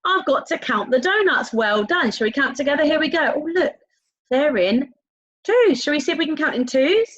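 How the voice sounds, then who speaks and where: A woman teaching a recorded primary school maths lesson, talking directly to young pupils in an encouraging, sing-song way with drawn-out key words and prompting questions. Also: high voice, lively intonation, a bit bright. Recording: dull, lo-fi sound.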